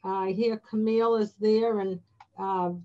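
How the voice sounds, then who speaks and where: A woman's voice: medium pitch, fairly even intonation, unhurried, dark tone, dull audio. An older woman hosting a talk show, chatting in a rambling, easygoing way over a video call. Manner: chatty, rambling, laughs easily. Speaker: host, attorney. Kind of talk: casual talk-show chat.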